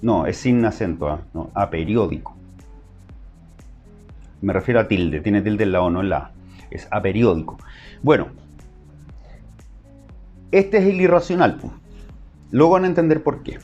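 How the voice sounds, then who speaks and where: A man's voice: on the low side, very animated, normal speed, long pauses, a little mellow, highs cut off, faint music behind. A man with a Chilean accent teaching an online math class, explaining step by step and checking in with short questions.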